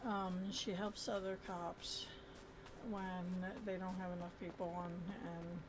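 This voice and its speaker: Woman game streamer, slightly low pitch, informal rambling storytelling, noticeably noisy recording. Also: little pitch movement, slow pace. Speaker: game streamer narrating roleplay character's story. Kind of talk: casual gameplay storytelling.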